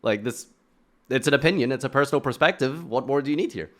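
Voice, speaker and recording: A man's voice: mid-range voice, quick pace, fairly bright tone. A man giving casual reaction commentary on a video, blunt and ranting, with sarcastic asides.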